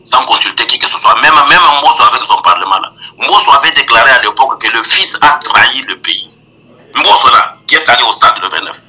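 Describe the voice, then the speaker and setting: A man's voice: mid-range voice, expressive, a little fast, bright, forceful tone. An older man gives impassioned political commentary over the phone, emphatic and stammering through restarts. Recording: tinny phone line.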